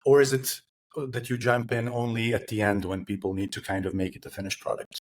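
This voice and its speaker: A man's voice: fairly low pitch, flat delivery, brisk. A man hosting a podcast interview, asking long questions in a hesitant way with many filler sounds. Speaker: podcast host.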